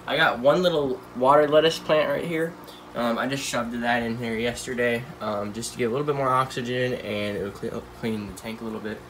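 This casual pet care vlog comes from a teen boy with a stuffy nose, holding his phone as he films a room at home full of tanks and rambling with many fillers. His mid-range voice is a bit bright, and the low-quality recording carries a little hiss or hum.

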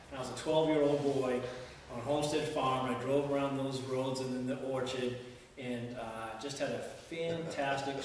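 A man in his fifties from New Hampshire, telling casual childhood stories to a small group, chatty and good-humored with lots of fillers. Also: mid-range voice. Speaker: speaker at an oral history gathering. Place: wood-paneled old town meeting hall. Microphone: far camera. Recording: echoey hall from far off, noisy.

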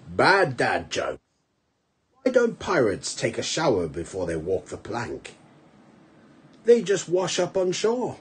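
A man in his forties telling corny jokes to a phone in an exaggerated, drawn-out way, with a corny dad laugh. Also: fairly high pitch, wildly swooping pitch, darkish tone, breathy edge. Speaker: comedian telling dad jokes on social video. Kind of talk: corny joke telling to camera, slow setup and punchline. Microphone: phone at arm's length.

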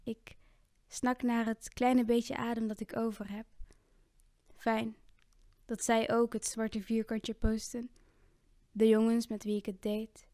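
A woman performs spoken word poetry in a fairly high voice. She takes her time, leaning on rhythm and repeated lines. Her delivery moves between loud and hushed passages. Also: no room sound, studio quality.

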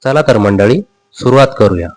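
A man's voice: on the low side, animated, normal speed, darkish tone, poor audio. Man narrating a serial recap. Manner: addresses listeners directly, folksy storyteller. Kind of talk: casual story recap narration.

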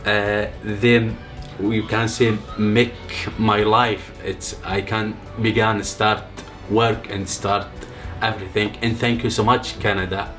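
In a living room interview, a Syrian man in his thirties, a refugee, shares his story from a couch in quiet, halting English with a Syrian Arabic accent and many pauses. His pitch is fairly low and his tone level, with soft music behind him. The shot is medium framing with an off-camera mic.

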